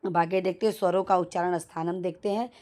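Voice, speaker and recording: A woman's voice: lowish voice, fairly even intonation, quick pace, mellow. A woman teaching exam-prep grammar from handwritten notes, explaining step by step and sounding out each vowel, with a conversational delivery. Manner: frequent fillers and restarts, conversational.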